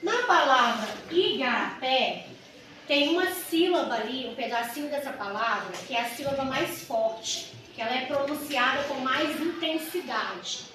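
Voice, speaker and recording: High-voiced woman teaching grammar. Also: expressive, pushed and bright. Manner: explains step by step with rhetorical questions; stretches out example words slowly. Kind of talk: grammar lesson for exam students. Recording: echoey room with mic far off and noise.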